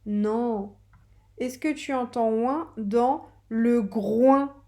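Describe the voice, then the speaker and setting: Slow, patient woman teaching reading. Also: a little high, mellow. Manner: slow, patient, spelling out sounds for a child. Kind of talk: reading lesson for young children.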